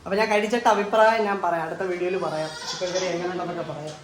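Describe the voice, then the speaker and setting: A man's voice: high-pitched, rapid-fire, background noise. A man, chatting casually and rambling as he films a family vlog in a home kitchen, mixing in English words. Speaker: family vlogger filming his partner cooking.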